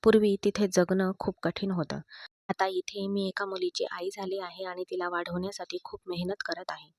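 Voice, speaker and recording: Woman narrator doing a stubborn young mom pushing her husband off, low, gravelly. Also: level tone, normal speed, background noise. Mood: bitter. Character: hurt young mother, proud and stubborn.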